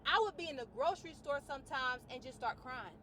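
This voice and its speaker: A fitness trainer and vlogger, a woman ranting to camera in a colloquial, outspoken way, swinging between loud outbursts and low, quiet musing. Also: lively intonation, fast, slight background noise. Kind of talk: personal rant to camera.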